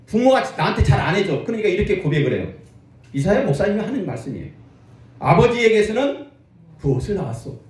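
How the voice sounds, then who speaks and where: A man preaching in a high, animated voice that climbs and drops as he works the congregation. He sounds set back from the mic, and a heavy echo fills the hall around him. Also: very fast, recorded from a distance. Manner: lively preaching with call-and-response to the congregation. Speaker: pastor. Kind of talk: sermon.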